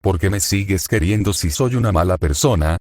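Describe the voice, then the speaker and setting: A man's voice: sits low, brisk, a little mellow, no echo. A man voicing a crying teenage boy who is racked with guilt, reading from a fan story. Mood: pleading. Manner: reads a cue before each line.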